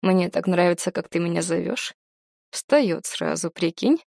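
A woman doing a cocky young soldier with a low teasing purr. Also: a little slow, creaky, darkish tone, no echo, studio quality.

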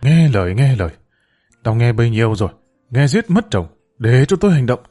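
A man's voice: medium pitch, very animated, a little fast. A man voicing an angry middle-aged mother who scolds her children about her husband's affair. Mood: scolding. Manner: sharp, scolding.

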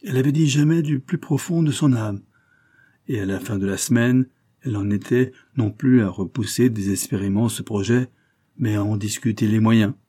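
A man narrating a classic novel as an audiobook in a measured, dramatic way. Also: lowish voice, mellow, breathy edge.

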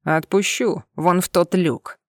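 A woman reading an audiobook, voicing a gruff, scornful cat-eared alien man in a lowered voice. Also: fairly even intonation, slow pace, dry recording, clean studio sound. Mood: menacing.

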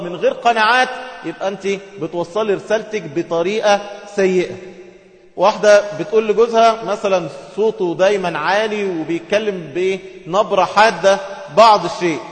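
A man with an Egyptian accent giving a communication skills lesson, explaining step by step and acting out short example dialogues. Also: sits high. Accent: Egyptian Arabic. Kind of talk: instructional talk to women viewers. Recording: echoey hall with long reverb.

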